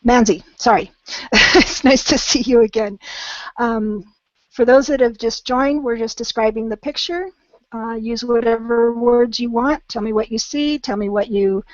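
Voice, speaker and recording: A woman's voice: a little high, dry recording, highs cut off. Patient woman teaching English online. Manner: patient, encouraging, many ums. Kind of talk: live online English lesson.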